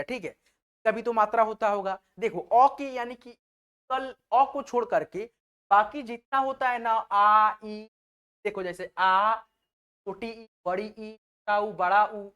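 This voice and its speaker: A man's voice: high-pitched, a bit bright, clear, resonant tone. A man from or teaching a spelling lesson, patient and repetitive, asking his own questions and then answering them. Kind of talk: spelling lesson over a board.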